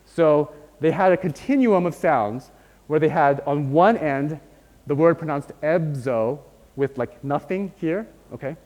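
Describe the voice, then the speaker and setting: A man's voice: on the high side, a little slow, darkish tone. A male linguistics lecturer giving a university lecture, explaining patiently and checking in with his students. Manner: explains patiently, checks in often with "right?" and "okay?". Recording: long hall reverb.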